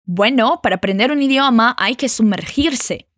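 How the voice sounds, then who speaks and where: A woman teaching a language lesson, encouraging and clear, slowing down to model phrases for the listener to repeat. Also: fairly high pitch, fairly bright tone, no echo. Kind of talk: spoken language lesson with repeat-after-me drills.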